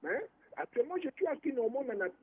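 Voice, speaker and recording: Calling a radio show by phone, this Morocco-born man chats loosely, rambling, frequently starting over and blending French and Lingala. He sounds husky and extremely high-pitched, with a sing-song lilt and a quick pace.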